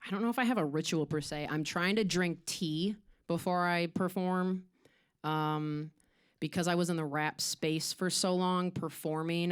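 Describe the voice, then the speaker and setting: A young woman, a performer, answering audience questions in casual chat, rambling and self-deprecating with many fillers. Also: deep voice.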